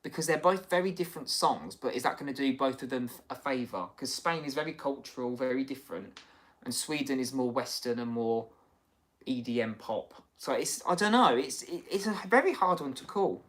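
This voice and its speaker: Reading viewer comments aloud, this British male streamer hosts casually in a chatty, rambling way with many fillers and restarts. His voice is medium-pitched, a bit bright, animated, and brisk.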